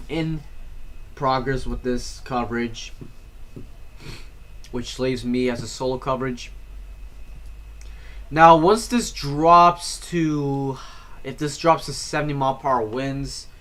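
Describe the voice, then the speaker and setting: A man talks through live storm coverage in a loose, rambling way. He corrects himself often and fills the pauses with "uh" and "um". His voice sits at a middle pitch. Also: a bit bright, slight background noise. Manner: casual, rambling, frequent fillers and self-corrections. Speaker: storm streamer. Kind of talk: live weather stream commentary.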